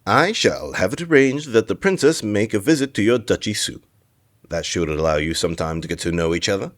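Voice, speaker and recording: A man's voice: fairly low pitch, big pitch swings. An actor playing a stern, commanding king who hands down decrees in a fantasy audio drama. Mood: condescending. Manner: commanding, measured royal decrees. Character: stern imperious middle-aged king and father.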